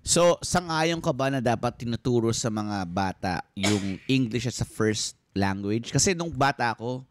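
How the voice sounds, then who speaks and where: A man co-hosting a podcast, chatting casually and asking animated questions while switching between Tagalog and English. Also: mid-range voice, normal speed. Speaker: podcast co-host. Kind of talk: casual chat.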